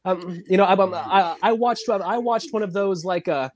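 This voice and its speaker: A man's voice: high voice, moderate pace. A man co-hosting a casual talk show, hesitant and stumbling, repeating words before making his point. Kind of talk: casual chat.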